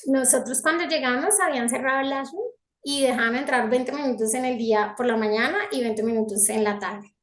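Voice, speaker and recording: A woman's voice: high voice, a bit bright, reverberant. A woman with a Colombian accent sharing a reflective personal testimony at a spiritual gathering, restarting her sentences often as she recalls events. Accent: Colombian Spanish. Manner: heartfelt, reflective storytelling with frequent restarts.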